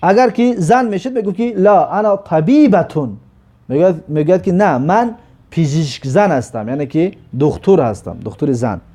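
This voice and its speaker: A man teaching an Arabic grammar lesson. He explains step by step, asks and answers his own questions, and reads the example sentences slowly. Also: on the high side, animated, warm tone.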